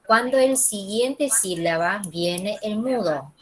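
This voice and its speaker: A woman's voice: medium pitch, lively intonation, slow, poor audio. A woman teaching a Korean lesson in Spanish, who models each pronunciation, repeats it and keeps checking with "¿sí?" and "¿ok?". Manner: checks understanding with frequent ¿sí? and ¿ok?. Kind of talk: classroom lesson.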